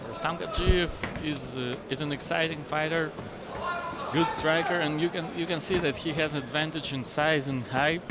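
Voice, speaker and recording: A man giving unscripted, analytical fight commentary in a halting way, repeating words as he goes. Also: fairly high pitch. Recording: very loud arena noise behind.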